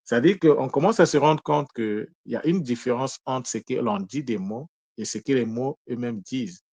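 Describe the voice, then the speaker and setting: Man, lesson on word meanings, deliberate, self-questioning, corrects himself, dry sound. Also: medium pitch, darkish tone, no echo. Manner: deliberate, asks himself questions and answers them; corrects himself mid-sentence. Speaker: teacher of Kikongo word meanings. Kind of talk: explanatory lesson talk.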